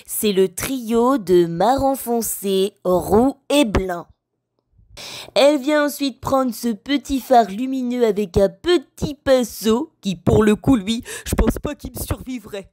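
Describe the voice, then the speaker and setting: Woman voicing a slow, sarcastic pet bulldog. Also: a little high, warm tone, natural voice. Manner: slow, sarcastic, teasing commentary. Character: cheeky male bulldog mocking his aunt. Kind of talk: comic voice-over narration.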